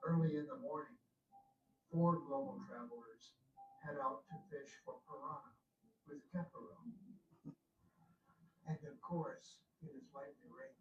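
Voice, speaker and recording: A man's voice: on the high side, animated, unhurried, pauses often, soft background music. A man narrating a travel video in a scripted nature documentary style. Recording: roomy, distant, dull, faintly noisy.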